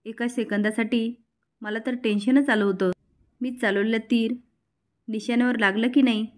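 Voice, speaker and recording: A woman's voice: on the high side, steady tone, normal speed, natural voice. A woman voicing a scheming middle-aged woman who gives orders over the phone in a cool, conspiratorial way.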